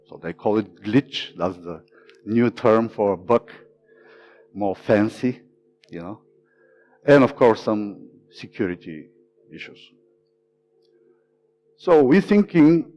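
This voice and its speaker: A man's voice: medium pitch, dark tone. A man in his forties from Bulgaria with a Bulgarian accent, giving an earnest conference talk full of fillers. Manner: earnest, many fillers, stresses key words. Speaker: conference speaker. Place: conference room. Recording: dull lo-fi room recording.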